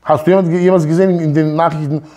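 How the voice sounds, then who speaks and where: A man's voice: on the high side, fairly even intonation, fast talker, mellow. A man in his thirties giving an emphatic Torah lecture, firing rhetorical questions and mixing in Hebrew words, recorded on a lapel mic in an office room. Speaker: Torah teacher. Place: office room with wooden wall.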